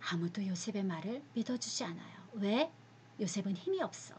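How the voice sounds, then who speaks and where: A woman's voice: medium pitch, animated, a little fast, darkish tone, breathy edge. A woman teaching a youth group, telling a Bible story as a sermon; she speaks animatedly, asks the listeners questions and drops to a whisper at times.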